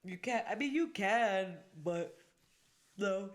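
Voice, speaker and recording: Woman from the US, podcast co-host, mid-pitched casual chat, chatty restarts. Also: lively intonation, takes it slowly. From United States.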